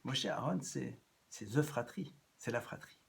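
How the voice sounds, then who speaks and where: A man giving an evening lecture as a rabbi, animated, swinging between loud rises and soft drops and repeating phrases as he thinks. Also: medium pitch, normal speed, vocal fry. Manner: repeats and restarts phrases as he talks.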